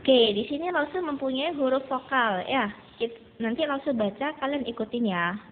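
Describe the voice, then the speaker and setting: A woman teaching a beginner Mandarin lesson to students, patiently explaining and repeating drills slowly. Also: sits high, lively intonation. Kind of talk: recorded classroom lesson. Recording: tinny phone-like recording with faint noise.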